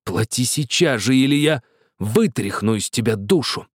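A man's voice: medium pitch, animated, moderate pace, dry recording, natural voice. Guy playing a proud fed-up young painter, dry close voice. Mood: menacing. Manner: quiet menace, then loud appeals.

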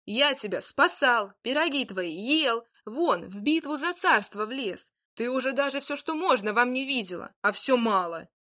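A woman's voice: a little high, expressive, normal speed, hardly any pauses, pushed and bright, voice pushed up. A woman voicing a boastful, simple-minded male dragon who can turn into a man, blunt and grumbling. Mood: indignant.

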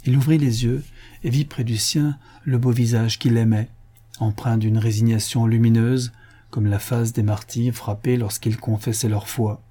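A man narrating a classic novel as an audiobook reader, measured and even. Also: mid-range voice, slightly rough. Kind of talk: scripted narration.

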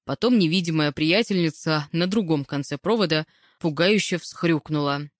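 A woman reading a first-person humorous story aloud in a wry, expressive storytelling manner. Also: low voice, normal speed, no room sound, clean studio sound. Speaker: narrator.

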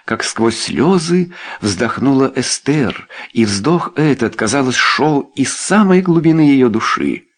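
A man reading a novel aloud as an audiobook narrator, in a measured, expressive way. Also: mid-range voice. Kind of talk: scripted narration.

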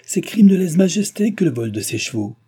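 A flustered country postmaster, voiced by a man, protests in an agitated, pleading tone that breaks into shouts. The voice is dark and husky. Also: medium pitch, a little fast, close to an everyday voice. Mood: shouting.

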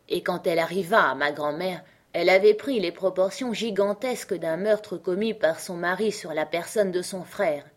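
A woman narrating an audiobook of a classic novel in a measured, expressive way. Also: fairly low pitch.

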